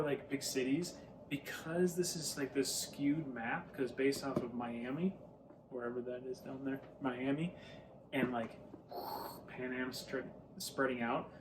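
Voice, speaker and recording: A man's voice: mid-range voice, fairly even intonation, unhurried. A man co-hosting a casual board game chat, rambling and enthusiastic, laughing often. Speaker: podcast co-host. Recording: distant mic with clear background noise.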